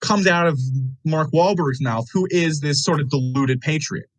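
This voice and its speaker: A man's voice: a little high, moderate pace, no room sound, rough recording. A young man co-hosting a casual movie podcast, opinionated and rambling, restarting his sentences. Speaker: podcast co-host.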